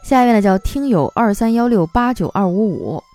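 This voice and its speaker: A woman's voice: mid-range voice, lively intonation, a little fast, loud music behind the voice. A woman radio host reading out listener jokes in a playful, chatty way. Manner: playful, chatty, mimics voices for quoted people. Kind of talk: casual comic storytelling.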